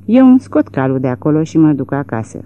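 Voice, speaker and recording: A woman voicing a hoarse, exhausted male farmer who is stubborn and demanding. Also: a little high, sing-song, narrow, tinny audio. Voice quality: hoarse, worn out.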